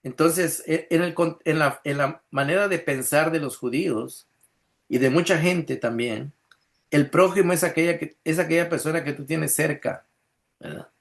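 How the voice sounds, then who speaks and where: A man's voice: on the high side, moderate pace, creaky. A man pastor, preaching a conversational sermon with frequent restarts, acted-out quotes and checks on his listeners. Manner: chuckles often, asks listeners "¿verdad?".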